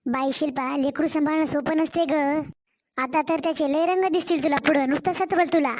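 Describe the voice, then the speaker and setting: A woman's voice: high-pitched, fairly even intonation, moderate pace, a little mellow. A woman voicing an older village mother, doting and worried, coaxing her daughter in a cartoon story. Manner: fussing, coaxing.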